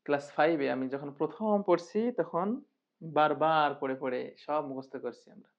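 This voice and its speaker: A man's voice: a little high, steady tone, normal speed. A man teaching a Quran recitation lesson, drilling the rules in rhythmic chanted refrains and addressing viewers as dear brothers. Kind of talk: recorded online tajweed lesson. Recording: muffled lo-fi recording.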